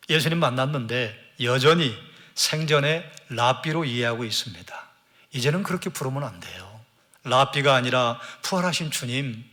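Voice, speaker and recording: A man's voice: medium pitch, a bit bright. A male pastor from South Korea preaching a Sunday sermon. He has the congregation repeat phrases after him, asks rhetorical questions and answers them himself, and briefly acts out quoted lines.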